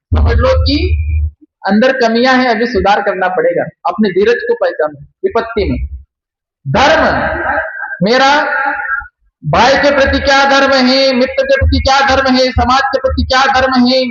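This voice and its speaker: A man giving a devotional sermon, chanting verses slowly and explaining them through rhetorical questions. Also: very high voice, a bit bright, slight background noise. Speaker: kathavachak preacher. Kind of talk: devotional sermon with scripture quotes. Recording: echoey, muffled.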